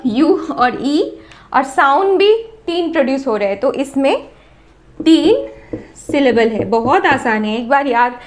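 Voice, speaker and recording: Teaching English grammar in a classroom-style explanation, this Indian-accented woman has a high voice. She takes her time and demonstrates by saying sounds and words more than once.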